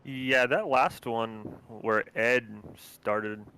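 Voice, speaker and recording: A man's voice: medium pitch, very slow, sharp tone, smooth, poor audio. A man who won the race, answering interview questions in a matter-of-fact way. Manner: matter-of-fact, explaining his restarts. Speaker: race winner being interviewed. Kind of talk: casual post-race interview.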